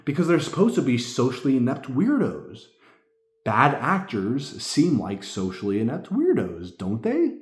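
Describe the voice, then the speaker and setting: An echoey room recording of a man with a medium-pitched voice. He rambles through a casual movie review with tipsy, drunken delivery. He is emphatic and profane, often circling back to repeat his own phrases. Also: wildly swooping pitch, a little slow. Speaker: amateur film reviewer.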